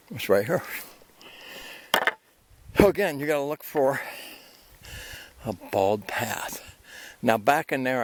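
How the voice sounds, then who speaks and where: An older man talking casually while hiking a canyon trail, out of breath, rambling easily with fillers into his handheld camera. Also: lowish voice. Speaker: hiking vlogger. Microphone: handheld camera while walking. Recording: loud outdoor noise.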